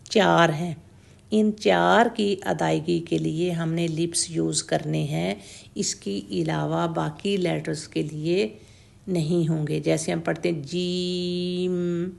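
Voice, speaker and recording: A woman teaching tajweed pronunciation, slowly and patiently demonstrating each letter sound over and over and checking that the learner follows. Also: low voice, gravelly, darkish tone. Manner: mixes English words into Urdu, checks in with "theek hai?". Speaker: Quran recitation teacher.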